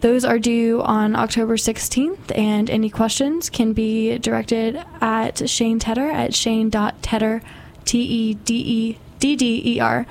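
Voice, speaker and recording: A woman's voice: a little high, gravelly, darkish tone. A woman hosting a campus radio show, interviewing a guest and reading announcements in an upbeat way.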